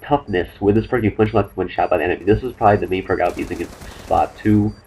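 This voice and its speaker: A young man commenting over his own gameplay, talking fast and rambling with many fillers and restarts. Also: low-pitched, fairly even intonation, darkish tone, slight background noise, low-quality recording. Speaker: gaming commentator.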